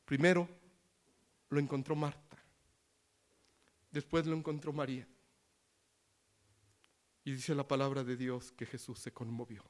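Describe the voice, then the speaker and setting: A man preaching a sermon, reading scripture quietly and rising into loud appeals with questions to the congregation. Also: medium pitch, flat delivery, unhurried, long pauses. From Latin America.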